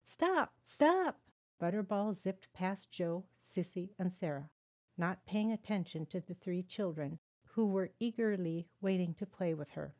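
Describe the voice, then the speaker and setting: A woman author reading her own book aloud in a measured, earnest narration, then speaking to her viewers. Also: on the low side, dark tone. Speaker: author and host.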